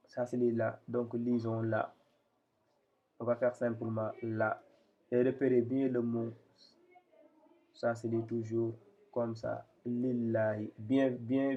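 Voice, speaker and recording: A man giving a slow step-by-step reading lesson, hesitating, repeating phrases and spelling out syllables. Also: mid-range voice. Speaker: Quran reading teacher. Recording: dull lo-fi sound.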